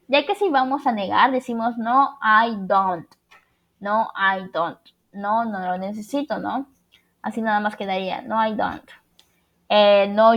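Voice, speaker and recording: A young woman, patiently explaining a lesson and often checking that her students follow. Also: fairly high pitch. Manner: patient, checks understanding with frequent questions. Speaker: English teacher. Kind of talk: recorded online class explanation.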